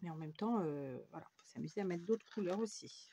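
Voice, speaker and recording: Her voice is on the low side, dark, expressive, and a little fast: a French scrapbooking host rambling and teasing herself as she works at her craft table. A slight hiss or hum runs under the recording.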